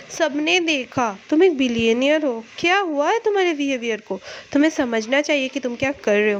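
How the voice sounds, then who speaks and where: A woman voicing a taunting, manipulative young man. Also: a little hiss or hum. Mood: complaining. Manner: taunting, then shrill and pleading. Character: scheming, mocking young man, a manipulative ex-lover. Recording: muffled lo-fi recording.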